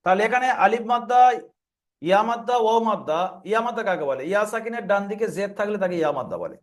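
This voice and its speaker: A man's voice: high-pitched, animated, rapid-fire. A man teaching Quran reading as a step-by-step tutorial, explaining each rule and then drilling letter sounds aloud in a repeating chant.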